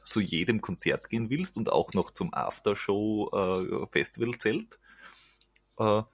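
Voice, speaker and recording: A man's voice: lowish voice, measured pace, creaky. A man with an Austrian accent chatting casually as a podcast guest, joking and self-deprecating. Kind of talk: casual chat.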